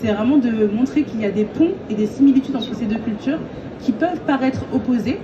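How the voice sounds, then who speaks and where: A young woman, a restaurant co-founder, answering interview questions in an earnest, lively way with frequent fillers. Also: fairly high pitch, brisk. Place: event stage. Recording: distant mic, dull sound, noisy event.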